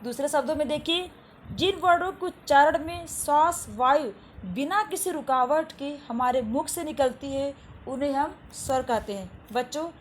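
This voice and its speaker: High-voiced woman teaching children. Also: a little hiss or hum. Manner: repeats each definition slowly, asks and answers own questions. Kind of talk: classroom lesson to children.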